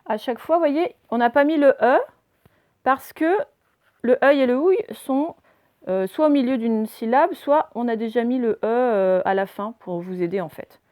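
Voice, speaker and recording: A woman's voice: fairly high pitch, normal speed, a little mellow. A woman teaching a spelling lesson to children, patiently spelling out words letter by letter.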